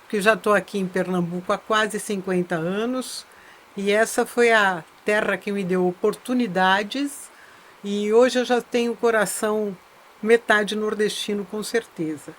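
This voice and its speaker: An older Brazilian woman, born in Minas Gerais and raised in São Paulo, reflects on her life story as an interview guest, drawing on her long career as an insurance broker. Her medium-pitched voice is steady and measured, she often adds tag questions, and there's slight background noise.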